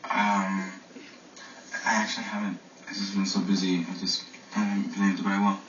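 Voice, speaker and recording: A prickly sarcastic young boyfriend. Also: male voice, deep voice, level tone, fairly quick, fairly bright tone, a little hiss or hum. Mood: reluctant. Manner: stammering restarts, dry sarcasm. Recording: distant, dull TV soundtrack.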